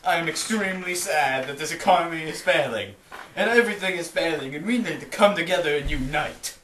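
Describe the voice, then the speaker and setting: A man's voice: fairly high pitch, fairly quick, fairly bright tone, a little hiss or hum, close to an everyday voice. A man playing a melodramatic, gloomy gang member in a homemade comedy skit, speechifying overdramatically. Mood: mock-mournful. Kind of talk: amateur comedy skit acting. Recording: echoey room, mic far off.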